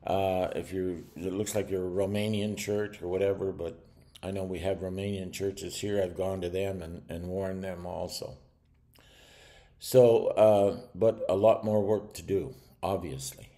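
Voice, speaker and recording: Older guy preaching into his webcam at home, earnest, stumbles and restarts, deep voice. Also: steady tone, dark tone. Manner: earnest, stern, halting with restarts. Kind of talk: warning sermon to camera. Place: small indoor room at home.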